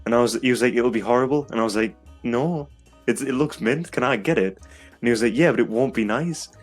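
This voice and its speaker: A man's voice: medium pitch, fairly quick, faint music behind. A young man, co-hosting a casual podcast and telling stories that are full of laughter. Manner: laughing, storytelling with loud acted quotes. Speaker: podcast co-host. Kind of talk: casual chat.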